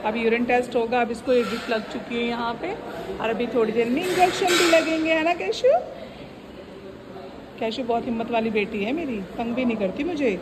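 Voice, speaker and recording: A woman's voice: fairly high pitch, fairly quick, noisy background. A woman talking to her sick pet in a casual vlog, with doting baby talk. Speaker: pet vlogger. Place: outdoors and at a vet clinic.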